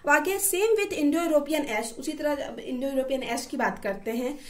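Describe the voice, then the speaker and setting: A woman teaching a linguistics lesson, reading English lines slowly and then explaining each one. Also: high-pitched.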